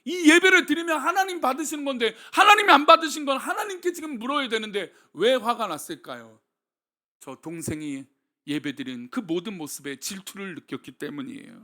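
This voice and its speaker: A male pastor delivers a sermon with a very high voice that leaps up and down animatedly. He keeps asking his congregation questions, moving between quiet, soft passages and loud, emphatic ones. His tone is bright and forward. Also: lively intonation, fairly quick. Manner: preaching with rhetorical questions to the congregation. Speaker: senior pastor.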